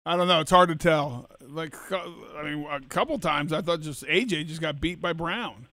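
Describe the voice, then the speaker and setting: Blunt high-voiced male sports pundit. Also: moderate pace, pushed and bright, dry recording. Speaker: sports show panelist. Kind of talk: casual opinionated sports talk.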